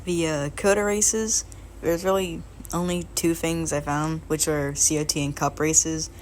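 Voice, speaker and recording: A young woman with a low, level voice speaks a little slowly while recounting her racing league's history. As a league member in casual chat, she rambles, sounds unsure, and laughs now and then; there's a little hiss or hum.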